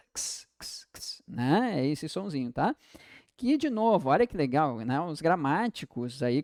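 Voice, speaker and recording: Lively Brazilian teacher, dry close sound. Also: male voice, a little high, dry recording. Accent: Brazilian Portuguese. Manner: lively, drawn-out example words. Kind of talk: exam-prep lesson.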